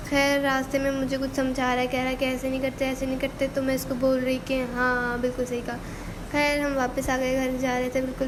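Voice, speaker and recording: A woman's voice: sits high, noisy background. A young woman vlogger with a sore throat, narrating her shopping trip in a chatty, rambling way. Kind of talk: casual vlog voice-over narration.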